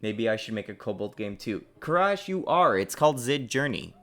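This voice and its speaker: With a mid-range, fairly bright voice that swings widely in pitch, an indie developer streams his game development at a normal speed. He chats casually, rambling with many fillers, swearing at the code, and blurting out confused remarks.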